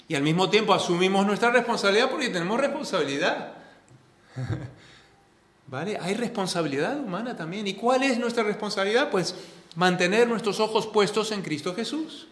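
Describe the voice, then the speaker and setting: Earnest Spanish pastor in an echoey church. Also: male voice. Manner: earnest, repeats key phrases for emphasis; swings between loud stresses and soft, low asides. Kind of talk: sermon. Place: church sanctuary.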